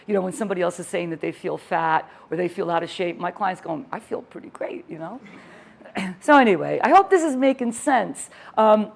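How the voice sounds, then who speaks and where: A woman in her sixties leading a workshop for trainers, lively and enthusiastic as she teaches and tells stories. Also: on the low side, vocal fry. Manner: energetic, enthusiastic storyteller. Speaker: fitness educator leading a workshop.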